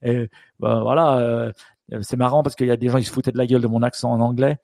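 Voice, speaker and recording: A man's voice: medium pitch, little pitch movement, fast, creaky, a little mellow, no room sound. A man co-hosting a podcast in casual chat, thinking aloud with many restarts and fillers. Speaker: podcast co-host.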